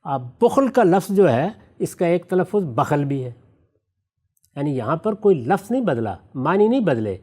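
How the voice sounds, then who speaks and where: A male religious scholar with a fairly high voice that rises and falls in lively arcs. He lays out his points methodically, one worked example at a time, and slows right down to recite verses with care. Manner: recites scripture verses slowly and deliberately. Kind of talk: explanatory discussion answering questions.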